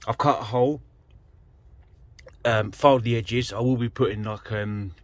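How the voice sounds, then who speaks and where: A British man with a medium-pitched, steady voice speaks at normal speed, with no echo. As a vlogger and amateur vehicle DIYer, he rambles through a casual, self-deprecating walkthrough into a handheld camera while he works around an off-road vehicle outdoors. His handheld phone or camera mic produces a noisy recording with vehicle ambience.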